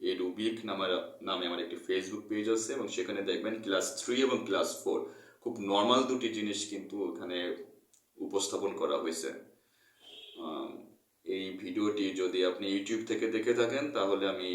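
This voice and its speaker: A man's voice: sits low, moderate pace, distant mic. A man teaching an English textbook in an earnest, repetitive way, mixing English terms into his talk. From Bangladesh. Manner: earnest, repeats points, mixes English terms. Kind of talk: explaining a textbook lesson. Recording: echoey room, voice off-mic.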